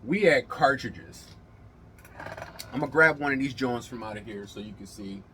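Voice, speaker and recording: A middle-aged man running a gaming channel speaks to viewers in a casual vlog monologue, emphatic and colloquial like a showman, with slightly slurred words suggesting a swollen mouth. His mid-range voice keeps a moderate pace against a noisy background.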